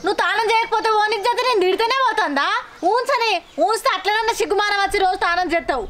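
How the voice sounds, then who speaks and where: A woman's voice: extremely high pitch, fast talker, very noisy. An actress with a Telangana accent playing a village wife who scolds her husband with earthy insults, in a comic short film. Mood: scolding. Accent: Telangana Telugu. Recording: loud background music.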